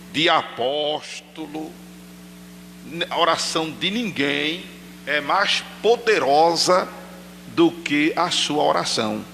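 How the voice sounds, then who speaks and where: Animated preacher in reverb. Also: male voice, a little high, vocal fry, slight background noise. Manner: animated preaching, addresses congregation directly, acts out shouted cries. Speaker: pastor. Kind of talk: sermon. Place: church. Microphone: handheld microphone.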